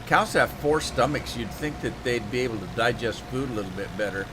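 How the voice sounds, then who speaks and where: Here a man of medium pitch talks a little fast, rambling in homespun fashion through a live stream of a farming game and frequently breaking off and restarting his thoughts. There's a slight wear to his voice, as if he's losing it. It's casual play-along chatter, and the desk-mic recording carries a faint underlying noise.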